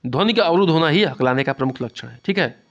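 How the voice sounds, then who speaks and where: A man's voice: on the high side, animated, fast talker. A man giving an exam-prep lecture and explaining things with a lot of repetition, often asking "theek hai". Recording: dull lo-fi sound.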